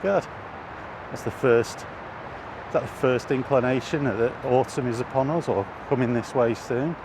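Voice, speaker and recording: A middle-aged British man, a vlogger, thinks aloud in a casual, rambling way while walking outdoors in an urban area, often hesitating over his words. His voice is medium in pitch and measured in pace. The recording is noisy, with clear street and traffic sounds behind him.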